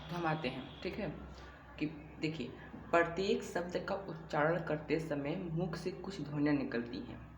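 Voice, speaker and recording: A man teaching a grammar lesson, explaining slowly and repeating himself, often asking a question before he answers it. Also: a little high. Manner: slow, repetitive explaining with rhetorical questions. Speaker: Hindi teacher. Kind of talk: classroom-style grammar lesson. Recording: echoey room with faint background hum.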